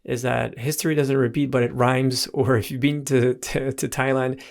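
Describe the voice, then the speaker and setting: A man's voice: medium pitch, steady tone, normal speed, vocal fry. A middle-aged man hosting a show, explaining markets off the cuff in loose, restarting sentences and often checking in with "right?". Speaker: host. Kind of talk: explaining market analysis over charts.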